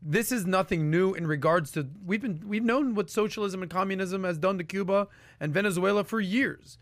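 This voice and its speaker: A man from Miami co-hosting a podcast, talking in an animated, talkative way. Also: high voice, brisk, dry recording. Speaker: podcast co-host. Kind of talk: casual podcast talk.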